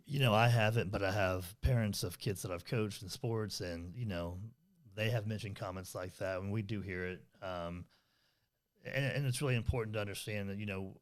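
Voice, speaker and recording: A middle-aged man co-hosting a parenting podcast, talking earnestly and rambling, with many fillers and restarts. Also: fairly low pitch. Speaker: podcast co-host. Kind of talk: casual conversational podcast chat.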